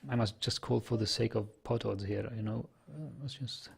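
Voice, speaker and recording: A fairly low, creaky, slightly rough voice at normal speed belongs to a young man from the Czech Republic. Speaking with a Czech accent as a native Czech speaker, he casually narrates his online poker play and reads chat aloud, hesitating and using many fillers.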